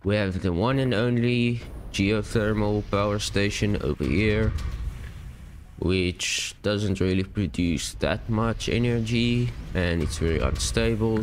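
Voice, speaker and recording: Man, very low voice, unhurried delivery; laid-back gamer rambling through a tour, faint hiss. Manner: relaxed, unsure, rambling with self-corrections. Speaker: gaming YouTuber. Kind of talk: casual game world tour.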